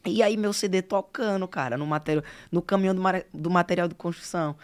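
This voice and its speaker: A man's voice: sits high, fast, clear, resonant tone. Young man telling stories. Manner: animated storyteller, filler-heavy. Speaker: singer, podcast guest. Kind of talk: casual interview chat.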